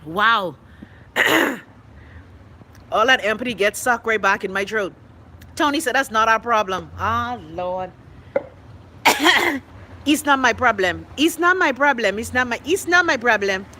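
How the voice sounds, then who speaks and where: This Bahamian host, a middle-aged woman with a slightly high voice, takes her time and leaves long pauses, with a little hiss or hum in the background. She reads out comments from viewers on her online show and responds bluntly, cursing freely and coughing in fits. The tone is animated, casual live-stream chatter.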